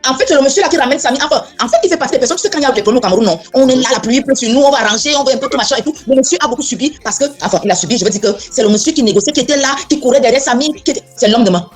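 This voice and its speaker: A woman's voice: high-pitched, lively intonation, rapid-fire, hardly any pauses, faint music behind. A woman in a casual chat, blunt and insistent, often repeating herself. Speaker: co-host.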